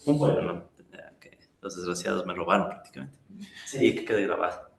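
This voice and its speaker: A man's voice: low voice, lively intonation, normal speed, creaky, echoey room. A man lecturing a class, chatty and full of tag questions. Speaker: economics lecturer.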